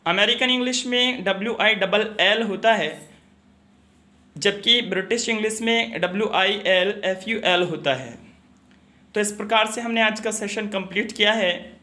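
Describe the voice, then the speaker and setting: A man with a high, bright voice teaching a spelling lesson. He spells words letter by letter and explains each meaning at a steady, instructional pace, often pausing with a hesitant filler. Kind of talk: educational video lesson.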